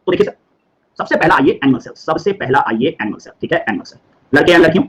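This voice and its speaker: A man's voice: fairly high pitch, animated, fast talker, muffled recording. A young man teaching a biology class, playful, repeating every phrase and checking in with his students. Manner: playful, repeats each phrase, constant "ठीक है sir?" tags. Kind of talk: online class lecture mixing Hindi and English.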